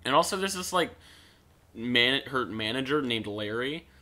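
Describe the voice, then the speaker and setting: A man's voice: medium pitch, expressive, normal speed, pushed and bright. A young man in casual chat, co-hosting a movie review and recapping the plot in a sarcastic, rambling way full of "like".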